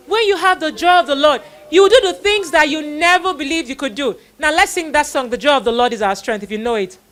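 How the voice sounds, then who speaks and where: At a live event, a woman with a Nigerian accent addresses children as a Bible story host. She speaks with a bright, high, forceful voice, telling her stories exclamatorily and filling them with quoted lines.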